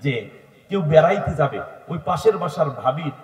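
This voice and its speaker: A man preaches an Islamic sermon to a large gathering. He swings between loud exhortation and low asides. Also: animated, moderate pace. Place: large open-air religious gathering. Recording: echoey hall sound from far off.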